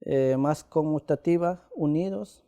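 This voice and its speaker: A soft-toned, slightly high-voiced man from Ecuador, whose first language is Quichua, is interviewed in a casual conversation. He speaks haltingly, with many pauses and "eh" fillers.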